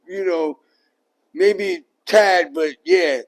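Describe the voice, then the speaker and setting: A middle-aged man, a rapper and producer talking through his career as a podcast guest, relaxed and full of "you know what I mean.". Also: high voice, very slow, vocal fry, poor audio. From New York. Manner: laid-back, many fillers like "you know what I mean". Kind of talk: casual interview chat.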